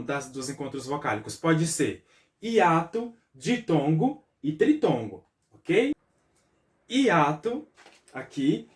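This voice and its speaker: A man with a Brazilian Portuguese accent teaching a recorded review lesson for schoolchildren, explaining step by step and checking in often. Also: a little high. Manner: patient, explains step by step with frequent "tá?" check-ins and spelled-out syllables. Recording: roomy echo, voice a bit far from the mic.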